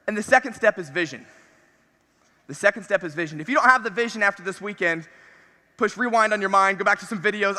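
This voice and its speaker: High, bright-voiced man pumping up a hall. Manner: energetic, punchy, repeats key phrases, laughs between points. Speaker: convention speaker. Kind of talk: motivational stage talk. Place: large convention hall. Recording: reverberant convention hall.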